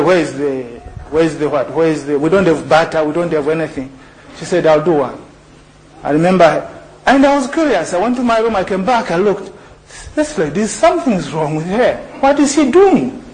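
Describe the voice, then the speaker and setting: A man's voice: high voice, low-quality recording. A middle-aged man from Zambia preaching a sermon in a church, often asking the congregation to finish his sentences. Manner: call-and-response questions to the congregation. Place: church hall. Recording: archived church recording with faint noise.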